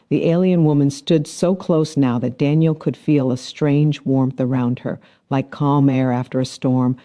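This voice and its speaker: Brief: male narrator, measured and dramatic, warm mellow mid-pitched voice. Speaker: story narrator. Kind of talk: scripted narration.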